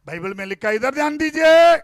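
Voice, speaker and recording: A man's voice: very high voice, big pitch swings, fairly quick, dry recording. A man from India preaching a fervent sermon in church, calling on the congregation to repeat phrases back to him and dropping "Praise the Lord" between his points. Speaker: pastor.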